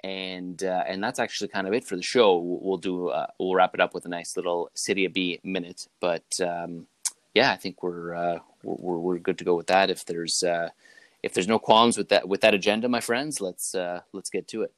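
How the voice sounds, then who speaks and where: Low-voiced man hosting a casual podcast. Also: moderate pace, dry recording. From Canada. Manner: relaxed, rambling with many fillers. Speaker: podcast host. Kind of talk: casual chat.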